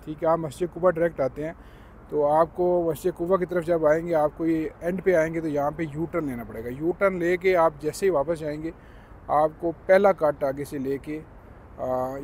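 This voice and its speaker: A man in his thirties talks his viewers through a travel vlog, courteous and explanatory. His voice sits a little on the high side, and soft background noise runs under it. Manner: polite, explanatory, addresses viewers as sir. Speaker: travel vlogger. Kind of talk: casual guided vlog. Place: car, outdoor plaza, then mosque interior.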